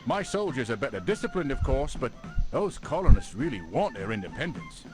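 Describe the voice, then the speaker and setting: A proud British redcoat officer from an old educational adventure game, blustering about his tea. His voice swoops wildly up and down and is full of period exclamations. Game music plays clearly behind him. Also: mid-range voice, wildly swooping pitch, fairly quick. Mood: grumbling. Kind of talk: 1990s educational game voice acting.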